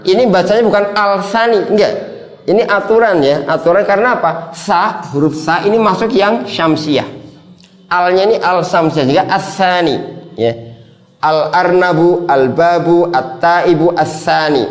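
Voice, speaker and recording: A man's voice: high voice, measured pace, reverberant. A man teaching an Arabic grammar class, patiently repeating words and prompting students by name.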